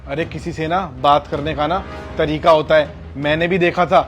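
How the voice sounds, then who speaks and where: A man's voice: fairly high pitch, fairly even intonation, moderate pace, fairly bright tone, lo-fi sound, faint music behind, lightly acted. A man acting as a stern tutor who scolds a mother and daughter in a short drama skit. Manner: scolding, lecturing. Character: stern, moralizing male tutor. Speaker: tuition teacher.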